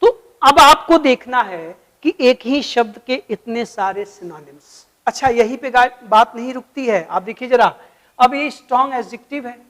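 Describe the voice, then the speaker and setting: A man's voice: very high voice, a bit bright, poor audio. A man giving an explanatory video lesson as a vocabulary teacher, patient and friendly, spelling out words letter by letter for his viewers.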